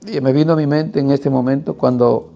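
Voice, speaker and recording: A man's voice: medium pitch, steady tone, a little fast, creaky, warm tone, slight background noise. A man preaching a sermon, emphatic and often turning to the congregation with rhetorical questions.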